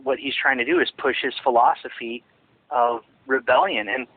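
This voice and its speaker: Over a tinny, dry phone connection, a man who once worked with a ministry speaks in a mid-range voice with a breathy edge, fairly even intonation and moderate pace. He rambles emphatically and keeps restarting.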